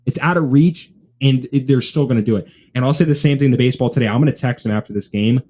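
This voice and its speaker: A man's voice: mid-range voice, fast talker, warm tone. Young frat-bro guy, casual live stream host. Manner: frat-bro slang, constantly says bro and dude. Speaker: sports watch party host.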